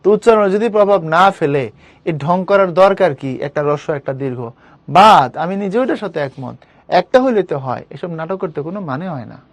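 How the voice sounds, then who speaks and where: A man's voice: fairly high pitch, lively intonation, normal speed, no echo. A young man teaching an online spelling class, casual and coaxing, often checking whether students understand. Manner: colloquial, coaxing, keeps asking students if it is clear.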